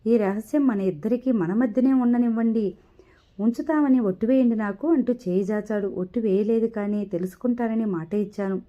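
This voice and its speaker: A woman reading a novel aloud in steady storytelling narration. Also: fairly high pitch, moderate pace. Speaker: audiobook narrator. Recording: dull lo-fi recording.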